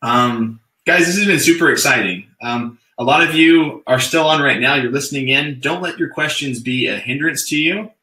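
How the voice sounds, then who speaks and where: Upbeat man pitching a webinar, bright voice. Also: moderate pace, hardly any pauses, echoey room, rough recording. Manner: upbeat, chatty, with many fillers. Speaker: webinar co-host. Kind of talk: casual sales webinar talk.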